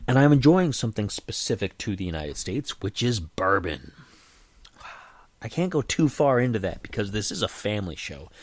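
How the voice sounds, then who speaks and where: Chatty low-voiced man rambling to listeners. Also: no room sound. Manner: chatty, digressive, often restarts and self-corrects; earnest, reassuring asides to listeners. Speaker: podcast host. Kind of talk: casual rambling monologue.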